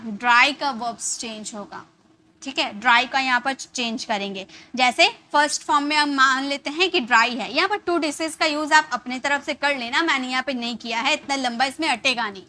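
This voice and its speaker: Woman, English teacher, high voice, bright tone, patient explanatory lesson. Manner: patient, repeats points and asks rhetorical questions.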